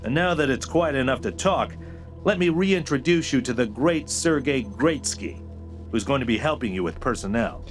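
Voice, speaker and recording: Laid-back joking lawman, voiced by a man, middle pitch, soft game music behind. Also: lively intonation, moderate pace, close to an everyday voice. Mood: friendly. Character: easygoing male marshal, slick and friendly. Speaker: marshal.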